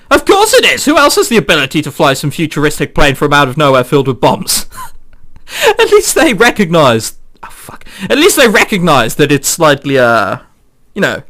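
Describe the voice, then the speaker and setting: A let's play host with a fairly high, sharp-toned voice reads a visual novel aloud, breaking off for jokey, theatrical asides as game music plays behind him.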